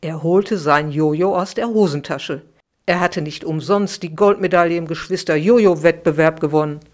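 Her voice low and her speed normal, a middle-aged woman brings expressive energy to reading a bedtime story she wrote herself, recorded for a podcast as a children's author.

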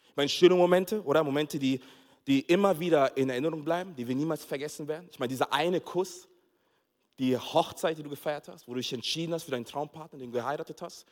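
A man preaching a sermon as pastor, telling a funny family story with lively acted-out dialogue and frequent laughter. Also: a little high, quick pace. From Togo. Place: church hall. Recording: long hall reverb.

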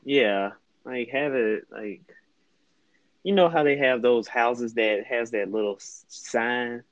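A tired young man co-hosting a casual late-night chat, easygoing and quick to agree. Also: medium pitch, highs cut off. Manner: easygoing, agreeable, chimes in often. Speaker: co-host.

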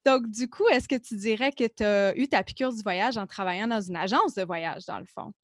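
A woman's voice: mid-range voice, normal speed, no room sound, studio quality. A woman with a Québécois French accent, hosting a podcast and asking friendly, curious questions in a casual interview. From Quebec. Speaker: podcast host.

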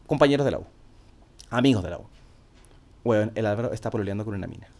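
A man's voice: on the low side, fast talker, a little mellow. A young man with a Chilean accent, telling a personal story in casual, slangy chat and acting out quoted speech. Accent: Chilean Spanish.

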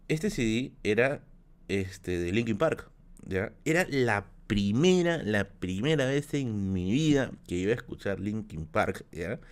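A man tells stories to his live-stream chat. He rambles, restarts his sentences and keeps checking in with his viewers. He is getting over a bad flu. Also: on the low side. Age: 30s. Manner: rambling, many restarts and filler "¿ya?". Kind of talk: casual storytelling on a live stream.

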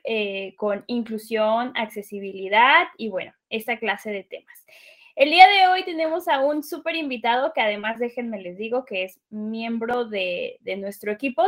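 A woman's voice: on the high side, a bit bright. Upbeat woman hosting a podcast. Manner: upbeat, welcoming. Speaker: podcast host.

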